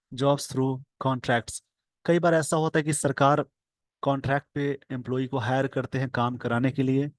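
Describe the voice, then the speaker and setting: A man with an Indian accent teaches English from a newspaper editorial, reading English phrases slowly and explaining them in Hindi. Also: medium pitch, no echo.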